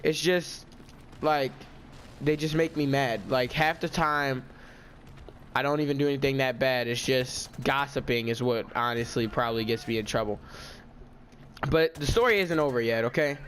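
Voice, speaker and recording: A man's voice: medium pitch, moderate pace, fairly bright tone, slight background noise. A teenage boy telling a storytime vlog in a casual, indignant, ranting way. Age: teens. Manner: indignant, ranting, self-justifying.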